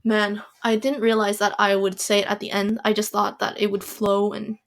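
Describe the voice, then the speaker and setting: A woman's voice: medium pitch, flat delivery, moderate pace, gravelly. A young woman hosting her own podcast, chatting alone in a rambling, opinionated way with lots of restarts and fillers. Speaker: podcast host. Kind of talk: solo casual podcast chat.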